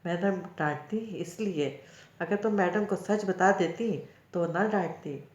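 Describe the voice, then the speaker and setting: A stubborn little girl who argues back with plain frankness, as a woman reads her aloud in her own rather low voice. The sound is roomy and dull, like a lo-fi home recording. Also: takes it slowly, a little mellow. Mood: arguing.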